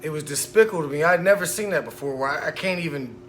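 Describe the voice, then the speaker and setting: A man's voice: a little high, fast talker, a bit bright, a little hiss or hum. A man telling a personal story in a casual, profane way. He sounds emphatic and indignant and keeps asking the listener "right?". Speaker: vlogger recounting a school incident.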